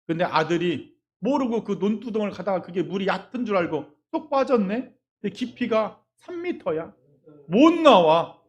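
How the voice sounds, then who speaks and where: A man preaching a sermon as pastor, telling folksy stories straight to his congregation and swinging from loud cries to quiet asides. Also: high-pitched. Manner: folksy storytelling, addresses the congregation directly.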